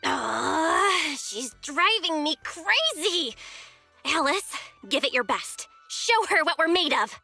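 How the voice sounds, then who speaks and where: A woman playing a bubbly, supportive young female friend in an anime game, expressive and peppy. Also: high voice, slow pace, faint music behind, exaggerated voice. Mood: exasperated, rallying.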